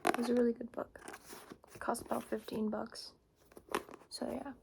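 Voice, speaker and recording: A woman chatting casually and softly in an ASMR style about things, rambling and hesitant, in an informal way. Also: fairly high pitch, little pitch movement, normal speed, gravelly. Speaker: ASMR book reviewer. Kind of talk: soft casual ASMR chat. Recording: noisy, with clicking and shuffling handling sounds. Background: tapping and scratching on books.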